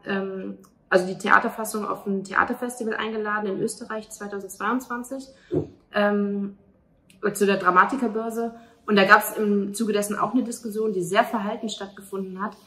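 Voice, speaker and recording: A playwright and actress in her thirties answers interview questions in an earnest, reflective, conversational manner. Her voice is mid-range with a fairly bright tone, picked up by a handheld microphone the interviewer holds at a restaurant table by a window indoors.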